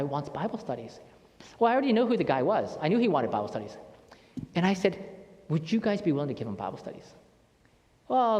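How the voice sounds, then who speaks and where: Animated high-voiced man in a reverberant hall. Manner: animated storytelling, repeats and restarts words. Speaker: church outreach director giving a talk. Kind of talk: casual testimony talk.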